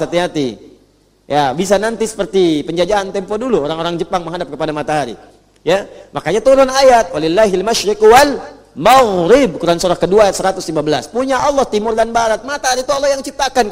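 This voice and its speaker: A man teaching Quran recitation to a live audience, drawing out the Arabic words slowly, then explaining in brisk everyday talk and getting the audience to repeat after him. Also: high voice, lively intonation. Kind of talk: religious lesson. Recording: reverberant hall.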